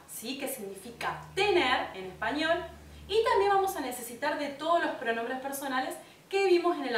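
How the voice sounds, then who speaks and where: Female language teacher, high animated voice, slow and patient delivery, echoey room. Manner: lively and patient, checks in with frequent "¿bien?". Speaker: French teacher. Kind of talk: online language lesson. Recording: echoey room, mic at a distance, faint rumble.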